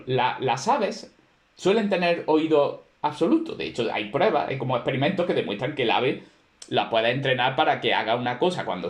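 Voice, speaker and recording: A male teacher lecturing his class in a chatty, explanatory way, his voice rising and falling with lively intonation. He often checks in with the students through quick rhetorical questions. The sound is roomy, like a classroom recorded from a little distance. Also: medium pitch. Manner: explanatory, conversational, with many fillers and rhetorical questions.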